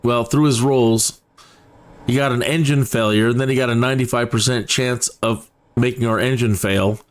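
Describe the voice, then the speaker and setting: A man's voice: mid-range voice, moderate pace. A man doing casual, playful live commentary on a flight simulator stream, rambling along in a chatty way. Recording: steady background noise.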